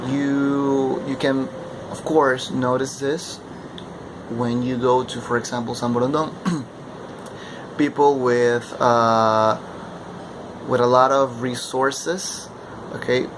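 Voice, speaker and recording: Young guy presenting for class, keeps saying okay?, ac humming loud in the back. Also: mid-range voice, slow, long pauses. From Ecuador. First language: Spanish. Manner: keeps checking in with a questioning "okay?". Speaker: language student presenting. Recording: steady air-conditioning hum behind.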